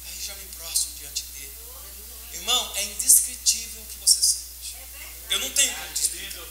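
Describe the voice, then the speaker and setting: A male pastor preaching a fervent, emotional sermon, swinging between loud outbursts and soft, hushed passages. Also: sits high, lively intonation, normal speed. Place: church sanctuary. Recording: roomy church echo, faint hiss.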